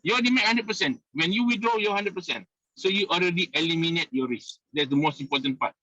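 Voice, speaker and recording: A man speaks on a car speakerphone while driving, his voice fairly high and sharp-edged. The call audio is muffled and lo-fi but dry, with no room echo. He pitches persuasively, hammering his points home with a steady stream of "okay.". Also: quick pace. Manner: persuasive, keeps repeating "okay" and key points. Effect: speakerphone call from a moving car. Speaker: investment group leader. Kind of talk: sales pitch on a video call. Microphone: phone or car speakerphone on a video call.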